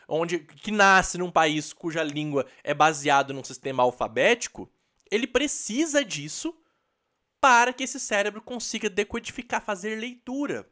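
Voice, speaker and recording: A man teaching an online literacy lesson, explaining step by step, sounding out letters slowly and checking in with the listener. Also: sits high, a bit bright.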